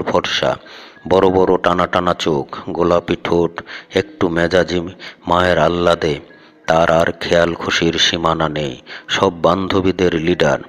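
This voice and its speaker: A man narrating a first-person story in a measured, unhurried reading voice. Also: low voice. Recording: steady hum and vehicle noise behind.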